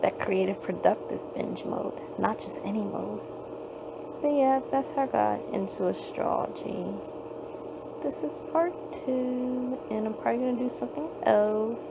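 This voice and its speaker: A woman with a fairly high voice and vocal fry speaks a little slowly as she hosts a podcast, recording on her phone with background noise. Her talk is a casual ramble, heavy on fillers and swearing.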